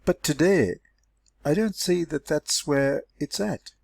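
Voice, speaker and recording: A man's voice: on the high side, slow, vocal fry, a little mellow, no echo, pitched above the performer's own voice, full character voice. A man reads the part of a puzzled male business colleague in a story, musing and questioning in a conversational way. He sounds sceptical, in a very dry recording. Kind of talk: story dialogue read aloud.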